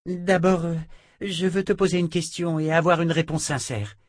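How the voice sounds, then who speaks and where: A man's voice: fairly high pitch, steady tone, moderate pace, no room sound, clean studio sound, voice pushed up, natural voice. A man voicing an eager, curious young woman who asks blunt questions.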